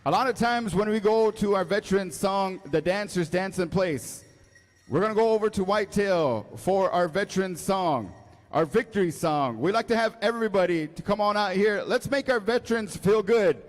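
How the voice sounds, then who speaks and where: A man working as a powwow emcee, announcing ceremonially to a live gathering, with drawn-out introductions and calls to the crowd. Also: sits high, expressive. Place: large echoey indoor school venue. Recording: echoey hall PA with music.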